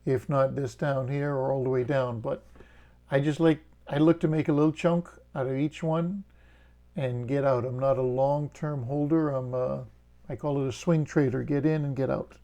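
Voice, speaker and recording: Walking through his trades on a casual screen-share, this options trading channel host, a middle-aged man from the Bahamas, explains his rules plainly and steadily. His Bahamian-accented voice has a medium pitch and moderate pace, with fillers and folksy jokes mixed in.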